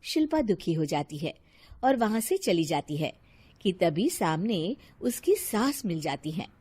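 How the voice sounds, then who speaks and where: A woman narrating an animated cartoon story in a lively, expressive way. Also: fairly low pitch, measured pace, breathy edge.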